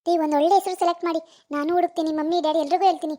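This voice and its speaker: A woman's voice: extremely high pitch, steady tone, very fast. Woman voicing a doting young cartoon mother. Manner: fussy, chatty, coos softly to the baby. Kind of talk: animated cartoon voice acting.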